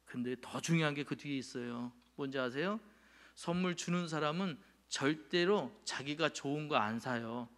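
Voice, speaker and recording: A man's voice: a little high, normal speed, a bit bright. A man preaching a sermon in a church, telling a childhood story in a conversational way and often asking the congregation questions. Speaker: pastor. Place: church sanctuary.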